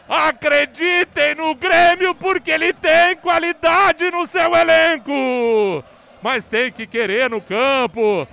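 A man giving explosive live football goal commentary, shouting with long drawn-out cries. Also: extremely high pitch, vocal fry.

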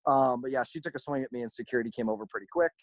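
A man's voice: medium pitch, very fast, dry recording. A man who runs a merchandise brand, telling stories in a casual interview and acting out the back-and-forth. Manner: animated, acts out quoted exchanges.

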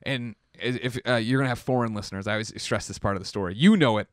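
Fast-talking man, dry close sound. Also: dry recording. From Chicago area, United States. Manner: rambling, animated, acts out quotes with big pitch jumps. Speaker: guest telling a personal story. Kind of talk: casual podcast storytelling.

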